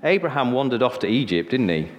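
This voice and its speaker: A Sheffield man in his forties, northern English accent, preaches a sermon with personal testimony in a chatty, storytelling style, often asking "okay?". His medium-pitched voice swings widely and moves fast in a large hall, with the highs cut off and slight background noise.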